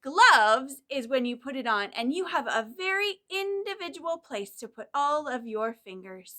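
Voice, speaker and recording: A children's librarian leads a storytime with singing and reading aloud, using a very bright, high, animated voice at an unhurried pace. She speaks directly to young children in an encouraging manner.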